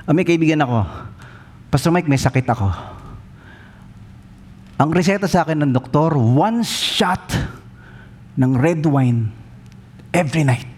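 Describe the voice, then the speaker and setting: A Filipino-accented male pastor delivers a humorous sermon, with a somewhat high voice that swings widely as he tells his stories. He teases his listeners and slips easily between languages. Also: breathy edge. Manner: animated storytelling, mixing in English, teasing.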